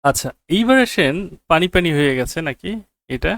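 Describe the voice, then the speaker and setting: A man's voice: a little high, expressive, brisk, creaky, fairly bright tone. A man lectures on English grammar in a slightly raised voice. He says the key phrases over and over for emphasis and keeps checking that his students understand. The sound is dry and close, with no room echo. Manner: quizzes students with rhetorical checks. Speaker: English teacher.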